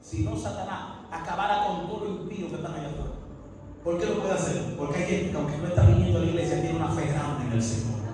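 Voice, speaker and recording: A man preaching a sermon, passionate, swinging between loud and hushed and acting out his stories. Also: fairly high pitch, fast talker, noisy background. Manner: tells stories with acted quotes. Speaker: pastor. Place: church hall. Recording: echoey hall from far off, music behind.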